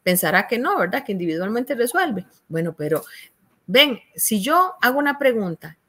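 A woman's voice: on the high side, very animated, moderate pace, pushed and bright. A woman with a Costa Rican accent, a university tutor patiently explaining a course assignment, often checking in with "¿verdad?". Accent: Costa Rican Spanish.

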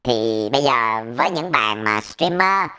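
A man's voice: medium pitch, lively intonation, unhurried, sharp tone, smooth. A man talking through a robot voice filter, chatting casually to viewers while demonstrating a voice effect. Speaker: gear reviewer. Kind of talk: casual product demo.

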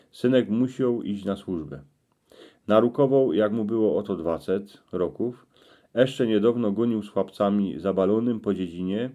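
A man with a low-pitched, very mellow voice speaks in a Cieszyn Silesian accent. He delivers a storytelling monologue in regional dialect, in a folksy way that speaks straight to the listener. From Cieszyn Silesia, Poland.

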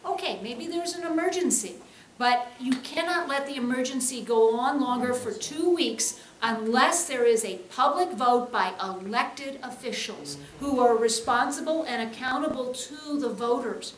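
A woman's voice: high voice, moderate pace, reverberant, a little hiss or hum. A middle-aged woman, a keynote speaker, answering questions earnestly at a table mic, with frequent ums and uhs. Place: indoor event hall, seated at a table.

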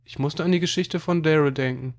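A man reading a children's money book aloud as audiobook narration, in an even storytelling manner. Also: on the high side, brisk. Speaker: audiobook reader.

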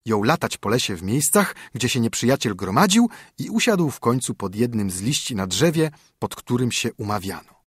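A man narrating a fairy-tale audiobook in an expressive storytelling manner. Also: mid-range voice, moderate pace, husky, no room sound, studio quality.

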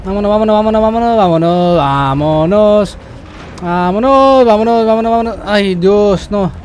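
Excitable high-voiced young man gaming. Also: a little hiss or hum. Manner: excitable, repeats words rapidly, yelps when startled. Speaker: gamer. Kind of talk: let's-play commentary.

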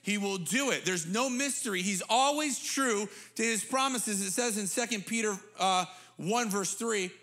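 A man in his thirties, a pastor preaching a sermon on a church stage into a handheld mic, animated and conversational. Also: sits high, moderate pace, faint music behind. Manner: animated, gesturing while preaching; conversational, repeats words when restarting. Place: church stage with big screen.

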